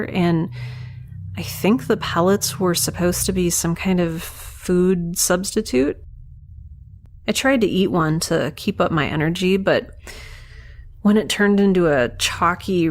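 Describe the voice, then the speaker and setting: A young woman with a lowish voice, recorded with a little hiss or hum, plays a wry space scientist stranded far from help. In this audio drama she rambles through a first-person log, self-deprecating, weary and resigned.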